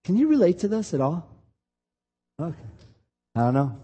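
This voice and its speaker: A man's voice: a little high, very animated, moderate pace, dark tone, slightly rough. A male preacher giving an impassioned, confessional sermon with a repetitive, building rhythm. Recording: long hall reverb.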